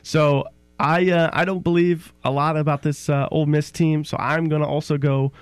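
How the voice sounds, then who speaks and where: A man co-hosting a local sports talk show, running through scores and picks in a relaxed way. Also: a little high, clear, resonant tone, no room sound. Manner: reads scores briskly, relaxed chat.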